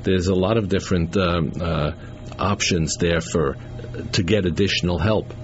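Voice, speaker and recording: A man hosting a radio show, talking in a halting way with many fillers and restarts, taped off the radio. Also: deep voice, soft background music. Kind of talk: casual on-air talk with a caller. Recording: lo-fi radio tape with faint hiss.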